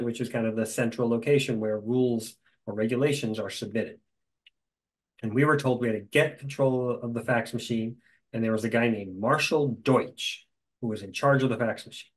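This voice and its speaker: Middle-aged man telling a lively anecdote. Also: medium pitch, poor audio. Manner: lively storyteller with dry humor. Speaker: guest.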